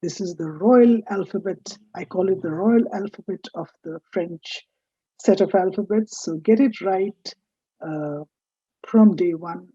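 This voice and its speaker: A woman teaching French in a recorded lecture, saying each letter slowly and stressing its sound. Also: lowish voice, dark tone, slightly rough, no echo, highs cut off.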